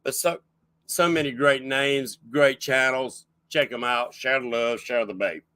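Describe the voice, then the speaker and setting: A man's voice: medium pitch, steady tone, unhurried, bright, forceful tone, clean tone, dry recording. A man hosting a casual livestream chat show, folksy and rambling as he welcomes people in. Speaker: show host.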